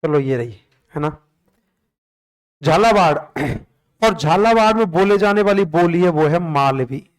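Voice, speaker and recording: A man's voice: on the high side, lively intonation, unhurried, pauses often, clear, resonant tone. A man teaching a class, drilling questions and answers over and over and calling on the students to respond.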